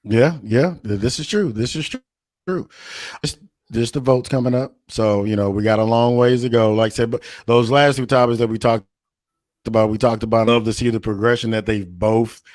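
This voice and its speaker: A man's voice: mid-range voice, normal speed, darkish tone, no room sound. A man with an American accent hosting a casual discussion, rambling and repeating phrases as he frames questions. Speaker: podcast host.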